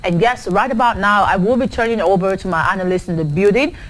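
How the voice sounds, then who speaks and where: A Nigerian woman hosting a morning newspaper review on air. She reads each headline and page number at a brisk clip. Now and then she drops in a short aside of her own. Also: medium pitch, rough recording. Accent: Nigerian English. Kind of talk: reading headlines and studio chat.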